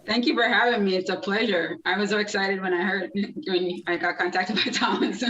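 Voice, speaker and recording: A woman's voice: mid-range voice, fairly even intonation, moderate pace, a bit bright, dull audio, a little hiss or hum. Jamaica-born woman, distant roomy sound. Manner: chatty, many fillers and restarts, laughs easily. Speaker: guest, nonprofit founder. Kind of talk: casual interview storytelling.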